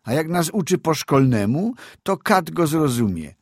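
A man's voice: fairly high pitch, very animated, a little slow, no echo, clean studio sound, voice pushed up, full character voice. A man voicing a stubborn, complaining poor village boy in a read-aloud story. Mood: aggrieved. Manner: whiny, complaining rural talk.

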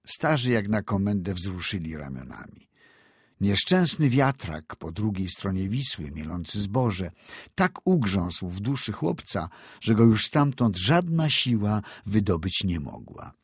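A man narrating a classic short story aloud in a measured storytelling manner. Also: fairly low pitch, sing-song, slightly rough, no room sound, clean studio sound. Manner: measured storytelling with acted dialogue. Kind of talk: audiobook reading of classic prose.

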